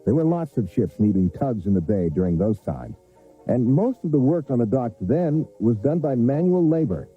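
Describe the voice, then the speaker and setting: TV reporter on a tinny old VHS tape. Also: male voice, medium pitch, big pitch swings, normal speed, slightly rough. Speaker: TV news reporter. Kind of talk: scripted news narration. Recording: tinny VHS broadcast with music.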